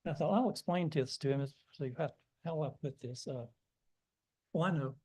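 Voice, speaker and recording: Older guy preaching, folksy funny stories about himself, kinda high mellow voice. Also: moderate pace, rough recording. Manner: folksy, self-deprecating anecdotes. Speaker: guest preacher. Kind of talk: storytelling sermon.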